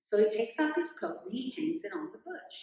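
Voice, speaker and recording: A woman telling a folktale as a storyteller, in a slow, lively narrating voice. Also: on the high side. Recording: roomy echo, distant mic.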